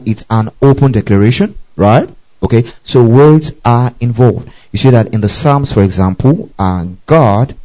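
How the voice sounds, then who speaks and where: A man preaching a Bible lesson, who keeps checking in with his listeners by asking "okay?" and "do you see that?". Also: medium pitch. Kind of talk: bible teaching sermon. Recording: muffled lo-fi recording.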